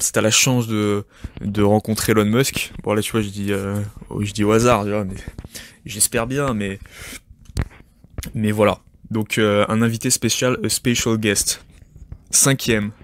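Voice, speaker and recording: An English teacher and podcast host speaks into a podcast microphone in a low, unhurried voice with little pitch movement. His informal lesson addresses the listener directly, full of hesitations and repeated words, with a little hiss or hum.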